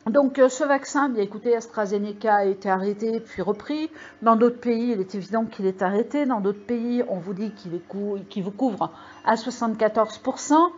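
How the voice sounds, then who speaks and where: On her own channel, a woman speaks casually into a microphone to her viewers, rambling with lots of fillers and emphatic warnings while computer mail alerts ping in the background. Her voice is a little high and a little mellow, at a moderate pace, on a muffled recording.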